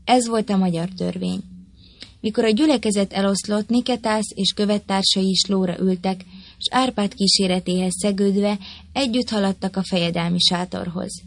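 A woman reading a historical tale aloud in a steady, even storytelling manner. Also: mid-range voice, vocal fry. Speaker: narrator.

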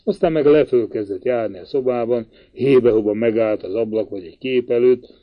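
Man reading a novel, measured tone. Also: mid-range voice, phone-quality sound. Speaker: audiobook reader. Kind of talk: literary narration.

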